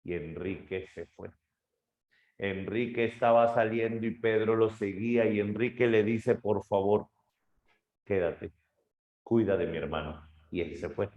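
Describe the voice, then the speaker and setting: A lower-pitched man teaching literature, telling a story with animated retellings and voiced quotes. The sound is muffled and lo-fi, with the roomy echo of a small class space. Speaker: literature tutor.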